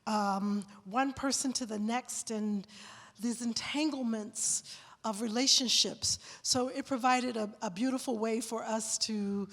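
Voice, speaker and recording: A woman's voice: a little high, steady tone, unhurried, fairly bright tone. A woman, a director and choreographer, gives an effusive onstage talk and speaks straight to a live audience. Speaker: director and choreographer presenting a work. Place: theater stage. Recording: reverberant hall.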